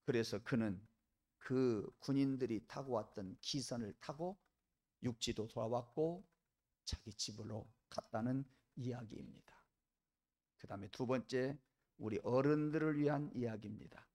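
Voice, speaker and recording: A man preaching a sermon, telling a story vividly, with dramatic rises in pitch and loudness. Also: a little slow. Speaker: pastor. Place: church.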